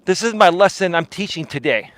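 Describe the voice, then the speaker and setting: Walking outdoors, a man with a fairly high, fairly bright voice talks a little fast as he rants to his live-stream audience, blunt and argumentative, qualifying claims with repeated "in my opinion." A mobile mic captures him dry and close, with no room echo.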